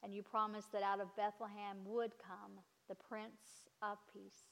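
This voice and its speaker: A woman pastor leading communion liturgy in a solemn, measured, declamatory way with deliberate pauses. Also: medium pitch, flat delivery, creaky. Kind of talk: solemn liturgical address and prayer. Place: large church or hall during a service. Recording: reverberant hall with long echo.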